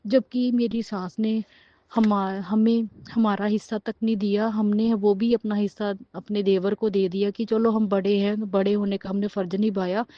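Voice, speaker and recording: A woman's voice: medium pitch, little pitch movement, moderate pace, no echo, highs cut off. A middle-aged woman giving an emotional personal testimony as a devotee, pleading and aggrieved, often breaking off and restarting her words.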